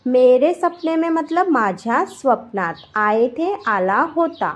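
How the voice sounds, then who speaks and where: Female tutor, high voice, unhurried; clear deliberate phrase-by-phrase lesson delivery. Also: animated. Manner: repeats each sentence twice, clear and deliberate. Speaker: language teacher. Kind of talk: slow phrase-by-phrase language lesson.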